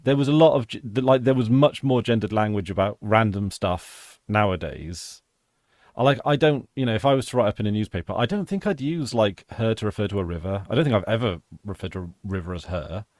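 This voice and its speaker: A man's voice: lowish voice, animated, brisk, a little mellow, no room sound. Dry-sounding rambling British man. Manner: rambling, self-interrupting, jokey. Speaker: podcast co-host. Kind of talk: casual chat.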